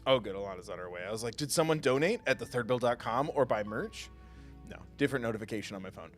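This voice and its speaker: Over game music, a man streams gameplay with fast, lively, medium-pitched commentary. He playfully thinks out loud and reads text straight from the game.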